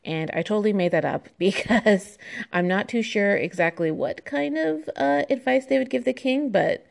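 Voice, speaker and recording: A woman's voice: medium pitch, animated, normal speed, vocal fry. A young American woman hosting a casual solo podcast, chatty and loose with fillers, often laughing between thoughts. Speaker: podcast host.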